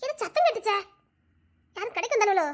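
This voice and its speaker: A village mother, played by a woman, who calls out loudly for her shop boy. Her voice is very high and shrill, and she scolds as she calls. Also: animated, fast. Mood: calling, worried.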